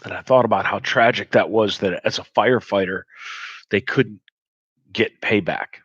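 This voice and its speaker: Man, 40s, very low voice, blunt, profane, candid storytelling, muffled recording. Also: normal speed, a bit bright, breathy edge, dry recording. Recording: dull, muffled sound.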